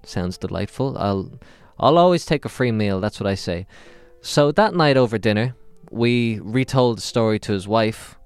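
Low-voiced comic storyteller. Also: male voice, moderate pace, smooth, no echo, soft background music. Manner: rambling, self-interrupting and deadpan. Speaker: podcast host.

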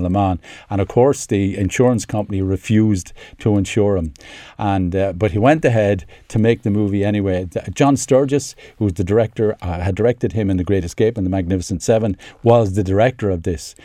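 Man, film critic guest, low voice, halting explanations, dry studio. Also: mellow, no room sound. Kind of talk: radio interview.

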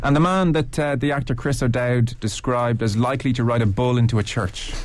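A man's voice: medium pitch, fairly quick. An Irish-accented man hosting a radio sports panel, interviewing guests in a conversational way. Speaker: radio sports show host.

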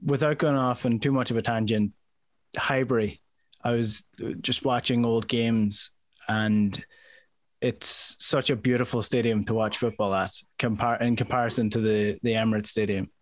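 A man's voice: mid-range voice, steady tone, moderate pace, no room sound. Podcast host guy, chatty, piles up questions, dry close sound. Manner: chatty, conversational, asks stacked questions. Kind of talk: interview podcast hosting.

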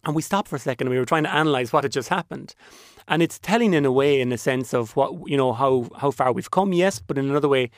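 A man's voice: medium pitch, fast, dry recording, studio quality. A man with a west of Ireland accent from Kerry, talking reflectively in a panel discussion, often repeating words as he thinks. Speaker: panel guest.

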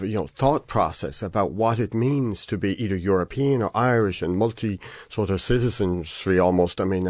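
Low-voiced man, from England, hedging panel guest, dry close sound. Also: darkish tone, no echo. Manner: thoughtful, hedging restarts. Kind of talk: casual panel discussion.

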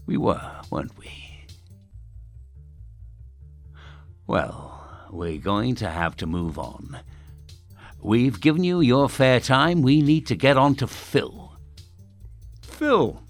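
In a dark audio drama, a male actor plays a smug, sardonic state radio host, theatrical and menacingly polite, rolling out pompous presenter patter in a breezy, needling mood. His mid-range voice is very animated yet slow, with frequent pauses, over soft background music.

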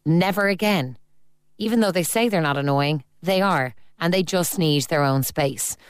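Low-voiced woman radio host. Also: moderate pace, clear, resonant tone, no room sound. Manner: chatty, reads listener messages aloud. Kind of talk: casual radio phone-in chat. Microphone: studio microphone.

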